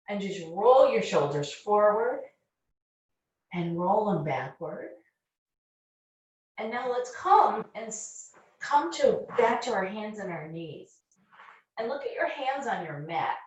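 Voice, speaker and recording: A woman leading a children's yoga class, giving gentle, encouraging step-by-step instructions. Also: fairly low pitch. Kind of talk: guiding a kids' yoga class. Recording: distant, very echoey, dull-sounding room recording.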